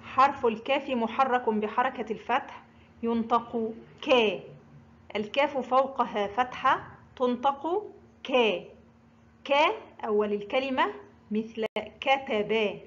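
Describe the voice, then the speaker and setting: Slow, deliberate woman teaching Arabic letters. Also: a little high, a bit bright, muffled recording. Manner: pronounces each letter and example word slowly and distinctly. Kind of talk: slow, deliberate pronunciation lesson.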